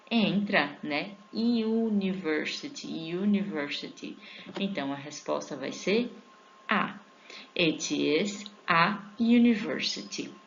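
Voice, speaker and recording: A woman's voice: lowish voice, a bit bright, dull audio, a little hiss or hum. A Portuguese-speaking woman teaching an online English grammar lesson, casual with her viewers and drawing out each English example word. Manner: informal, addresses viewers as a group; stretches out English example words slowly.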